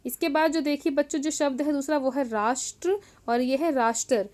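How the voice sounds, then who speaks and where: High-voiced woman teaching young children. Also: moderate pace, darkish tone. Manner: patient, repeats each word, addresses "children" often. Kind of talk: worksheet lesson for young children.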